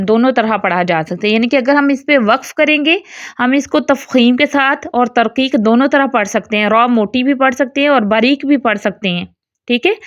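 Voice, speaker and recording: Woman, recitation teacher, step-by-step explanations, slow chanted examples, fairly high voice, dry close recording. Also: no room sound, lo-fi sound. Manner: explains step by step, often checks with "ٹھیک ہے؟"; slowly chants Arabic example words. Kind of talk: tajweed lesson in Urdu.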